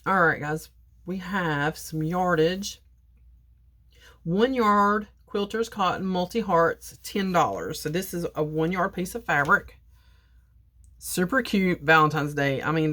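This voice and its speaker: A crafting vlogger with a deep, slightly bright voice chats casually with her viewers during an unboxing. She repeats herself and sips coffee while she talks.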